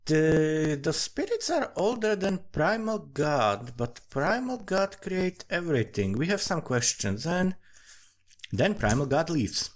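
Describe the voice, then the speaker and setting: An amateur fantasy writer talks informally and profanely about his invented world, musing aloud and restarting phrases often. His voice is a little high and very animated, at a slow pace.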